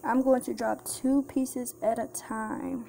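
Young woman, casual cooking vlogger talking to viewers, slightly high voice, phone-recorded in her kitchen with light noise. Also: little pitch movement, slow, gravelly, warm tone. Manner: chatty, addresses viewers as y'all and guys. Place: home kitchen. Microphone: handheld phone camera.

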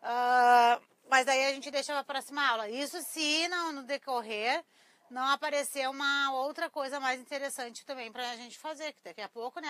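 Thin, reedy, high-pitched Brazilian woman. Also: pushed and bright, no room sound. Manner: chatty, informal, often addressing viewers. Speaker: craft teacher hosting a live class. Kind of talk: casual live-stream tutorial chat. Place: small cluttered craft workshop indoors. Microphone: clip-on lapel mic.

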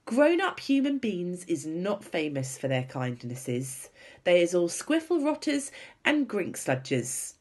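A woman's voice: fairly low pitch, sing-song, slow pace, pitched above the performer's own voice, full character voice. A woman voicing a big, friendly but stubborn male giant who talks in muddled grammar and invented words for a storybook. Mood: firm, resigned.

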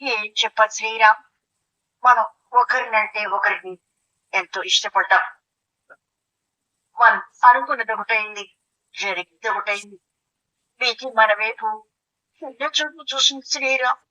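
A sorrowful young woman, played by a woman, speaks softly with lingering regret. Her voice is high and bright. The recording is muffled and lo-fi. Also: measured pace, long pauses. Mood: mournful. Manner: soft, mournful, lingering. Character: sad young woman, former college sweetheart.

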